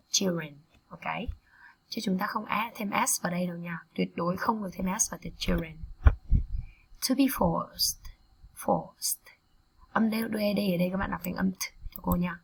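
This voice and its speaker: A Vietnamese-speaking woman teaching English vocabulary, repeating each word slowly for students to echo, then explaining quickly. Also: on the low side, fairly bright tone, slightly rough. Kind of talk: vocabulary lesson with repetition drills.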